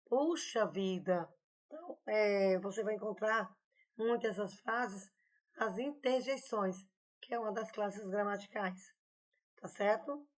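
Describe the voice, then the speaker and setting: A woman teaching a grammar lesson online, in a chatty, explanatory way that keeps checking in with her students. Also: medium pitch. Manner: chatty, explanatory, often adding "né?" and "tá, gente?". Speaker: Portuguese teacher.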